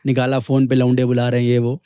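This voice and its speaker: Talking fast in a clean, mid-range voice, a young MMA fighter from Kanpur, India, shares a story as a guest in a casual conversation. He's an animated storyteller who performs quoted dialogue, and the audio is clean studio sound with no room sound.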